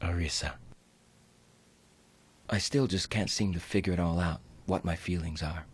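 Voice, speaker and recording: A man voicing an earnest, easily flustered young detective in an anime dub, hesitant and excitable. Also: deep voice, normal speed, husky. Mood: hesitant, pensive.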